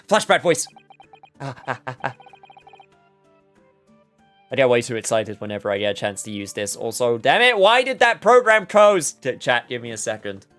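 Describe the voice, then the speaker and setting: A man's voice: medium pitch, animated, fairly quick, few pauses, fairly bright tone, clean tone, soft background music. A man live streaming, chatting casually with his audience.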